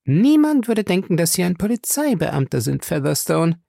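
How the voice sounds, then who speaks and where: A man reading an audiobook voices a character, a poised married society woman who is worried and speaks in an affected, urgent manner. He pitches his gravelly, dark-toned voice high, above his own, with big pitch swings at a moderate pace, fully committing to the character. The recording is dry and sounds like a clean studio.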